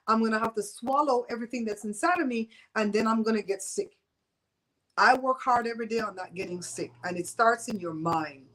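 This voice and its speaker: Speaking in a Belizean Creole accent, a Belizean woman in her fifties hosts a live show and chats bluntly with viewers, gossiping and laughing often. Her voice sits high and a bit bright, on a rough recording.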